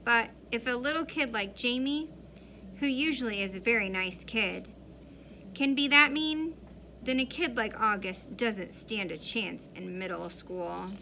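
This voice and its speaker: Bright, gravelly woman reading a story. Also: on the high side, a little slow, a little hiss or hum, rough recording. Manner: expressive, shifting into character voices. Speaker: audiobook reader. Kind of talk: storybook read-aloud narration.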